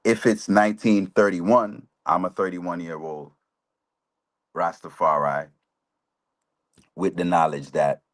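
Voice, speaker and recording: Man, 40s, very deep voice, earnest lecturer, keeps checking in with listeners. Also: fairly even intonation, slow pace, long pauses. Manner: earnest, lecturing, asks listeners "right?" often. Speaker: guest speaker, chaplain. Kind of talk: live talk show history explanation.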